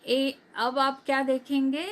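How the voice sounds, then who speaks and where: A woman teacher with a somewhat high voice talks at a very slow, careful pace. She gives a recorded lesson to young children and stretches out each word so they can repeat after her. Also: completely flat delivery, fairly bright tone. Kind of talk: recorded online class lesson.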